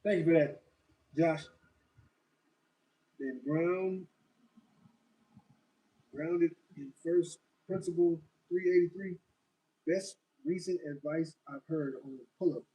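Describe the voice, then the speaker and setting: A young adult man chats loosely on a fitness livestream, reading out viewer comments and answering each one. His voice sits a touch high for a man. He is some distance from the mic, so it sounds a little distant. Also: takes it slowly, long pauses, mellow. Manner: reads out viewer comments and answers them chattily. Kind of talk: casual livestream chat.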